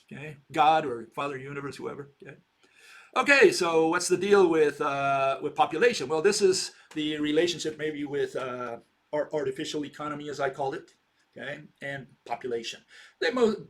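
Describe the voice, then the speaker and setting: A man in his sixties giving a rambling informal lecture, posing rhetorical questions and checking in with "okay?". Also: on the high side. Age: 60s.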